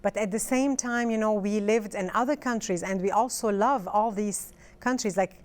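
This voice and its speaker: A middle-aged Lebanese woman whose first language is French chats casually as an author in an interview. Her medium-pitched, slightly mellow voice moves at a moderate pace, hesitant and full of fillers, often restarting her sentences.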